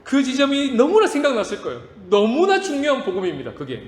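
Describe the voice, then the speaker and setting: Pastor, male, high and lively sermon delivery, hushed then loud, echoing church hall. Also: fast, a little hiss or hum. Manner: swings from hushed to loud emphatic preaching. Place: church sanctuary. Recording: reverberant church hall, faint ambience.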